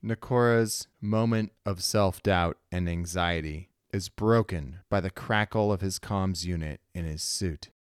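Brief: man as solo game narrator, lowish and resonant, steady storytelling, dry close sound. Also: measured pace, hardly any pauses, smooth, no echo.

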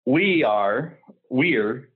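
Co-host, male, joining over a phone line; sounds tinny, lively pitch, playful and teasing. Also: extremely slow, breathy edge. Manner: laughs often, playful teasing. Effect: heard over a phone or call line. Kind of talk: casual comedic banter.

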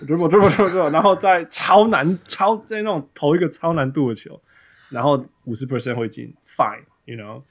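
A man's voice: a little high, moderate pace. A man with a Taiwanese accent chatting casually about sports as a host, switching between Mandarin and English mid-sentence and repeating phrases for emphasis. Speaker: podcast host.

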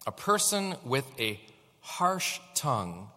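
A male pastor delivers a sermon in a lively, sharply bright voice. He swings his pitch widely and keeps putting questions to the congregation. The sound rings out with a long church-hall reverb. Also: slow pace. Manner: animated preaching with rhetorical questions to the congregation. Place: church sanctuary.

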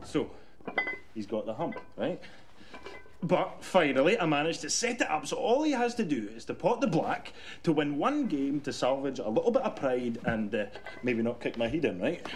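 A man's voice: on the high side, normal speed. An actor playing an honest young Scottish man in a film, telling a story about his mate with exasperated disbelief and slang. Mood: confiding. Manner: incredulous, animated, slangy. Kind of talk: film monologue, casual storytelling. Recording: clear background noise.

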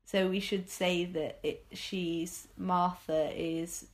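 A woman's voice: fairly low pitch, flat delivery, slow pace. A young woman in casual podcast chat, rambling and amused, with plenty of fillers. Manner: chatty, rambling, self-amused, lots of fillers. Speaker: podcast co-host.

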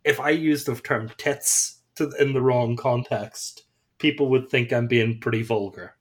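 A man's voice: medium pitch, unhurried, husky. A man in casual chat who laughs often, mimics silly voices and swears casually.

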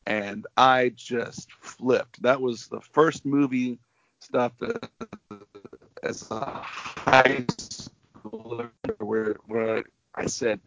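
A man's voice: mid-range voice, steady tone, very slow, fairly bright tone, no echo. Middle-aged man, enthusiastic, over a video call. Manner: enthusiastic, rambling storyteller. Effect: heard over a video call, connection breaking up. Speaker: guest. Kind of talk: casual interview. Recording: dull, lo-fi video call audio.

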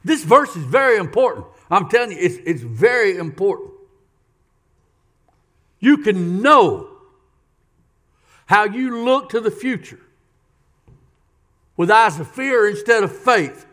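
Animated, bright-voiced preacher man. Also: sits high, slow pace, long pauses. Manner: emphatic, repeats key lines, asks the congregation questions. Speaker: pastor. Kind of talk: sermon.

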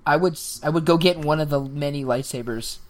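A man co-hosting a casual podcast, rambling through jokey hypotheticals in an animated way. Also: fairly high pitch, fairly quick. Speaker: podcast co-host. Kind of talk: casual banter.

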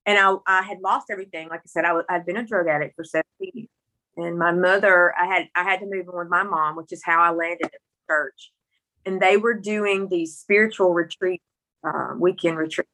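A woman's voice: lowish voice, fairly even intonation, fairly quick, bright, forceful tone, low-quality recording. A middle-aged woman from rural Mississippi with a Southern country accent, telling her personal story as a guest in a folksy, candid, emphatic way. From Mississippi, rural United States.

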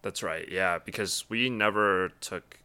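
A young man from Taiwan, a guest in a casual interview, answering in a thoughtful, measured way with frequent pauses. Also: low-pitched, bright, forceful tone, clear, resonant tone. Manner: thoughtful, measured, many ums.

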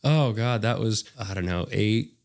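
A man hosts a relaxed podcast chat in a low, gravelly voice. He listens and encourages his guest, adding short remarks of his own. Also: measured pace. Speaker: podcast host. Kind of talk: casual interview chat.

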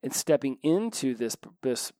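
A man hosting a solo podcast, talking fast and excitedly with many fillers, tired from being up past midnight. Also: mid-range voice, no echo, clean studio sound. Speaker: podcast host. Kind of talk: solo podcast monologue on recovery. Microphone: studio microphone.

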